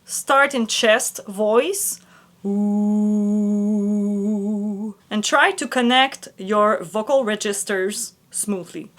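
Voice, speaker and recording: A woman vocal coach giving a singing lesson, explaining exercises slowly and clearly between sung vocal demonstrations. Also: medium pitch, a bit bright, slight background noise. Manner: slow, clear instructions with sung vocal examples.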